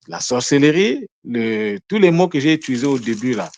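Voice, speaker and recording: A man giving a lesson on word meanings, in a deliberate way that poses questions and answers them, often correcting himself mid-sentence. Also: a little high, vocal fry, darkish tone. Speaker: teacher of Kikongo word meanings. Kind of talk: explanatory lesson talk.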